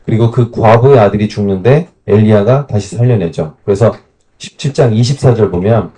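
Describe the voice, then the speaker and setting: Man retelling Bible stories in a warm voice. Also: on the low side, moderate pace, husky. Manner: lively colloquial storytelling with questions to the class. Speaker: Bible teacher. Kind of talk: Bible camp lecture.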